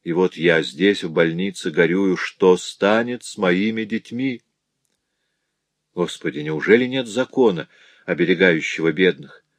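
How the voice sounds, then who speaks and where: A man's voice: low-pitched, unhurried, no echo. A man voicing a poor, grieving woman who tells of her husband's cruelty in a sorrowful, pleading way.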